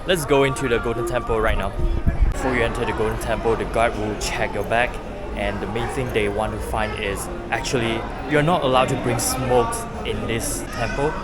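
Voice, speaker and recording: A man's voice: mid-range voice, steady tone, normal speed. A man from Malaysia with a Malaysian English accent, narrating a travel vlog as he walks around a busy temple site, explaining eagerly like a tour guide. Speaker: travel vlogger. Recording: loud music over outdoor sound.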